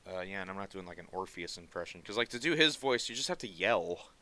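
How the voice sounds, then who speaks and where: This streamer talks casually with his viewers as he draws, rambling and slipping in quick asides and mutters mid-work. His low, nasal voice has a default sarcastic edge, sounding expressive, pushed and bright.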